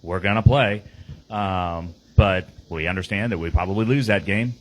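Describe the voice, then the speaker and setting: A man's voice: sits low, normal speed, poor audio. A man talking through his team's game on a casual podcast, rambling with lots of fillers and restarts. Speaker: team player on a podcast.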